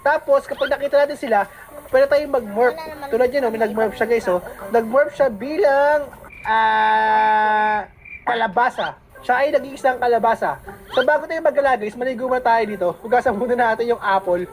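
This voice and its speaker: A woman with a Filipino accent and a slightly high voice hosts a gaming channel, chatting playfully as she plays and mixing Tagalog with English at a moderate pace. Game music plays behind her, and the recording quality is low.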